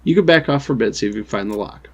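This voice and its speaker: Husky man narrating a casual game session. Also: fairly low pitch, animated, racing, a bit bright. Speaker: game co-player. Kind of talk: casual gameplay commentary and reading game text.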